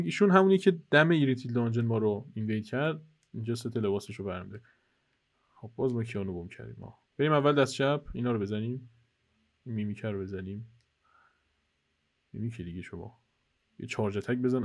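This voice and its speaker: A young gaming channel host casually commentates co-op gameplay through a headset, joking with and teasing his teammate while guiding viewers. His voice is medium-pitched, with long pauses.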